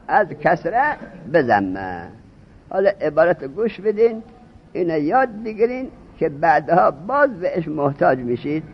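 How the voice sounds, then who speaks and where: A man teaching a class in a lecture style. He keeps asking his students questions and repeats the key terms. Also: fairly high pitch. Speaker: teacher of Arabic morphology. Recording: dull, husky lo-fi recording.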